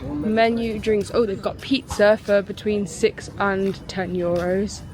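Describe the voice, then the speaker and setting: This travel vlogger's voice sits in the mid range, slightly mellow, with fairly even intonation and a slow pace. She rambles cheerfully to her handheld camera on a city street and in a small hotel bathroom. It's a noisy outdoor street recording.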